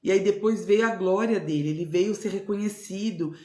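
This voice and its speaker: A woman's voice: medium pitch, normal speed, a little mellow. A woman with a Brazilian Portuguese accent, a spiritual mentor giving a devotional teaching talk in an earnest, repetitive way, often checking in with tag questions. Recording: roomy echo.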